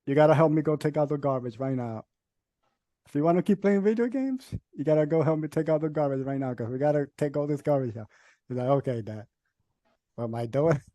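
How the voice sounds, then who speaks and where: A man's voice: a little high, mellow, no room sound. A young man host in casual chat about raising his kids, talking in loose, repeated starts and often laughing as he acts out quotes.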